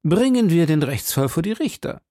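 A man reading an audiobook, voicing an irritable, commanding king who speaks imperiously and loudly. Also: fairly high pitch, sing-song, normal speed, dry recording, studio quality, voice pushed up. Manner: imperious, loud, exasperated. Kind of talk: audiobook character voice.

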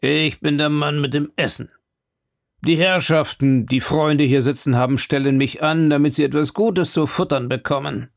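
A man's voice: on the high side, steady tone, moderate pace, gravelly, no room sound, clean studio sound, pitched above the performer's own voice. A man doing a fawning chatty prison food server. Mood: eager. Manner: obsequious, chatty, gossipy.

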